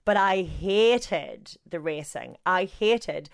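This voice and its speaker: A woman from Northern Ireland, speaking with a Northern Irish accent, is a sports journalist appearing as a guest in a casual interview. Her voice is lowish and gravelly, she speaks slowly, and she comes across as gregarious and self-deprecating.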